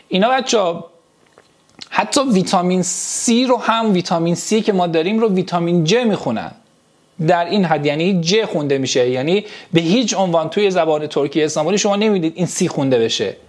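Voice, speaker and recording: High-voiced man drilling pronunciation. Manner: slow, repeats each sound and word several times for drilling; addresses the class directly and affectionately. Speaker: language teacher. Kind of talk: pronunciation lesson for beginners.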